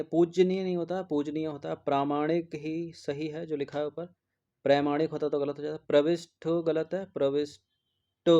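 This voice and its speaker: Hindi exam tutor, dark, lo-fi. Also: male voice, a little high. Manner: repeats each word over and over and checks in with a constant "theek hai". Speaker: exam prep teacher. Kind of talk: spelling lesson, explaining answers. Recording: dull lo-fi recording.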